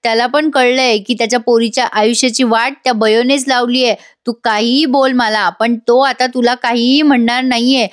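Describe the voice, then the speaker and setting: A woman doing a sharp-tongued old aunt. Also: on the high side, fairly even intonation, normal speed, few pauses, lightly acted. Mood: scolding. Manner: scolding, insulting.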